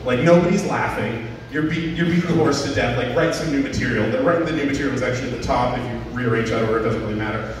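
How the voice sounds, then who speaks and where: A thirty-something comedian does a rambling, self-deprecating open-mic set into a handheld mic, full of fillers, in a small venue before an audience. He talks fast at medium pitch; a distant camera records the echoey room with slight background noise.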